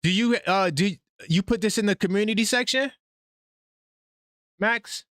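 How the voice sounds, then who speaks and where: A man hosting a live sports call-in stream, talking excitedly and breaking in with news for his viewers. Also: high-pitched, a little slow, no echo, clean studio sound. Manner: animated, breaks in with updates, talks straight to viewers. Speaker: host of a sports call-in livestream.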